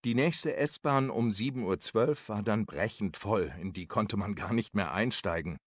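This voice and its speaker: A man's voice: fairly low pitch, a little slow, no room sound, studio quality. A man reading a coworker's lines in a scripted dialogue for a language lesson, explaining and apologetic. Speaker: office worker in a dialogue.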